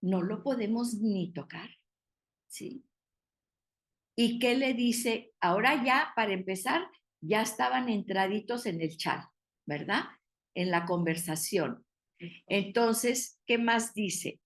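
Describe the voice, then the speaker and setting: A woman's voice: mid-range voice, slow. A woman teaching a Bible study, explaining patiently and asking the group questions.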